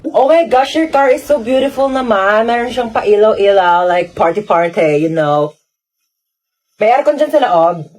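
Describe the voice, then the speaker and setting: A woman's voice: medium pitch, lively intonation, unhurried, darkish tone, a little hiss or hum, natural voice. A woman voicing a spoiled, snobbish rich young woman who talks in an airy, boastful way and drops in English phrases. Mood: flippant.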